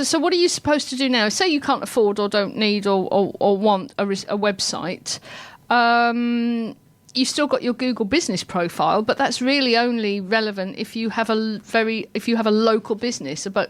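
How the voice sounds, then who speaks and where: A woman hosting a radio show, chatty and giggly, with a self-deprecating, warm-hearted way of talking. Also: medium pitch, brisk. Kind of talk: casual radio chat.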